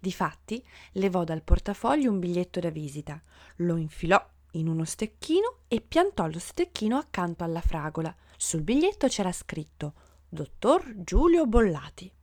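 A woman reading a children's story aloud in an expressive storybook manner. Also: no room sound, clean studio sound. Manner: lively, voices the passengers' shouts with big jumps in pitch.

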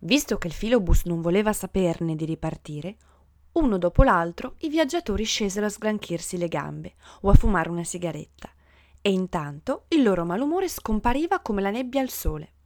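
A woman reading a children's story aloud in an expressive storybook manner. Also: moderate pace, no echo, studio quality. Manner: lively, voices the passengers' shouts with big jumps in pitch.

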